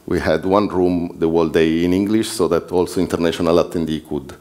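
This low-voiced organizer of a developer conference, from southern Switzerland, speaks English with an Italian accent in a steady, slightly fast and somewhat mellow tone. Presenting in the conference hall, he stumbles into slips and restarts and laughs now and then.

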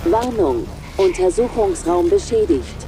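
A performer voicing a station computer that repeats flat warnings over a loudspeaker in a video game. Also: mid-range voice, a little slow, heavy background noise. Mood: alarmed. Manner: flat repeated alarm announcements. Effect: station loudspeaker announcement.

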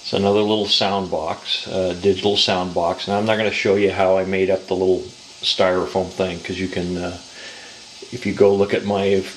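In a home dining room, an American model train presenter from Southern California walks through a casual hands-on demo, explaining in an unhurried, halting manner with a deep voice and flat delivery. The handheld camera's built-in mic yields noisy camcorder audio.

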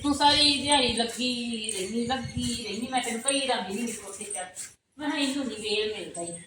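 A woman's voice: a little high, brisk, pushed and bright. A woman playing a chatty, nosy village neighbour in a comedy skit, with a Punjabi accent and a prying, nagging way of talking. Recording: echoey, noisy home video sound.

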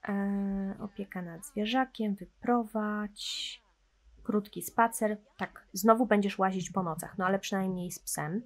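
A woman's voice: mid-range voice, measured pace. A young woman casually commenting on a life-simulation game, chatting with viewers and talking to her characters. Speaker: gameplay commentator. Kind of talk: casual let's-play commentary.

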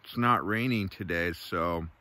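A middle-aged man chatting casually to camera outdoors, in a laid-back, folksy way with short phrases and pauses. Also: deep voice, bright, forceful tone. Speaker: vlogger. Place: outdoors by a river in a wooded valley. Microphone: phone at arm's length.

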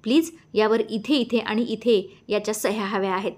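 A woman's voice: medium pitch, lightly acted. A woman reading a story aloud, voicing a scornful, scheming middle-aged woman who speaks sharply and in a hurry. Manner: sharp, mocking and hurried. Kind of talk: audiobook character voice.

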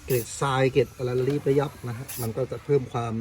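A man's voice: medium pitch, flat delivery, fast, darkish tone. An older man chatting casually as he spray paints outdoors, self-mocking and tagging his lines with polite particles. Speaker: vlog host. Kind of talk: casual how-to commentary. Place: outdoors in windy weather. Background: wind and outdoor ambience.

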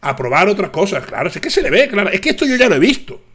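A man hosting a reaction video, commenting on a clip in an animated, mocking way with loud sarcastic outbursts. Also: high voice, fast talker, slightly rough.

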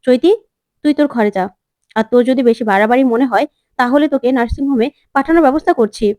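Storybook young husband, firm and insistent, read by a woman; high voice. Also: fast, darkish tone, no echo, studio quality, lightly acted. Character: young man, a new husband, stubborn and protective.

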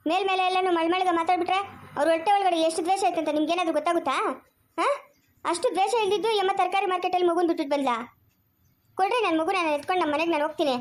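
An accusing young mother, played by a woman in an amateur family drama, speaking with a Chikkaballapur Kannada accent. Her voice sits very high and her sharp scolding comes rapid-fire. She hurls blame at her in-laws without letting up. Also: steady tone. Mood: furious.

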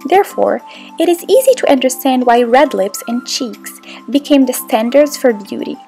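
A young woman from Morocco reads her video narration in a high, light voice. Her delivery is scripted and explanatory. Faint music plays underneath. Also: lively intonation, normal speed, dark tone. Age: young adult. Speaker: student presenter.

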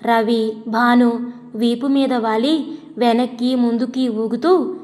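A woman narrating a storybook in a steady, expressive reading. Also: a little high, takes it slowly. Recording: long hall reverb.

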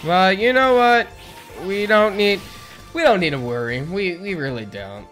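A man's voice: sits high, expressive, unhurried, a bit bright, faint music behind. A man giving casual, self-deprecating commentary while he plays a video game, muttering at the game as he goes. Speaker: let's play gamer.

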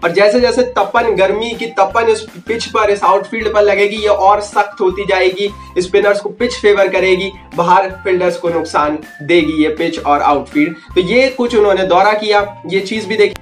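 A young man sits indoors and talks straight to the camera, hosting a cricket news vlog with lots of energy and busy hand gestures. His voice sits notably high for a man. Quiet background music runs under his talk. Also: moderate pace, few pauses. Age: young adult. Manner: energetic, addresses viewers as friends, gestures with hands. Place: indoor room, seated before a wooden wall.

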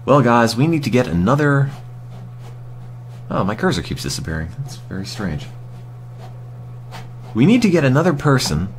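A man's voice: medium pitch, very animated, normal speed, pauses often, slight background noise. A man giving casual, dry and sarcastic commentary while streaming a video game.

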